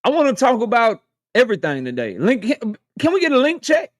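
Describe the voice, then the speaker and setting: A man's voice: very high voice, huge pitch swings, fairly quick, dry recording, studio quality. A man in his thirties hosting a casual live stream, joking and roasting his viewers, laughing often. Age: 30s.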